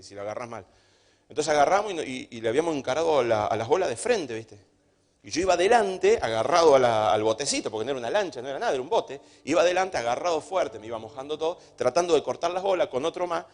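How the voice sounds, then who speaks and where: A pastor with an Argentine accent, preaching a sermon emphatically with rhetorical questions and humorous stories. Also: male voice, medium pitch. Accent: Argentine Spanish.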